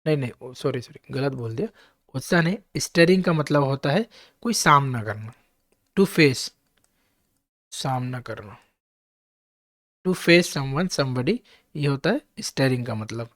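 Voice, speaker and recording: Slow, dry-voiced man teaching English. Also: mid-range voice, lively intonation, fairly bright tone, dry recording. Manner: spells words letter by letter, checks in with listeners. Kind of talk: vocabulary lesson for exam students.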